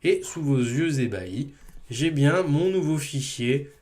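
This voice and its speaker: A man talking casually through a screen-recorded software tutorial, chatty and informal with lots of filler words and small self-deprecating jokes. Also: fairly high pitch, lively intonation, unhurried. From France. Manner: chatty and informal, many fillers, jokes about own accent. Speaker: WordPress trainer.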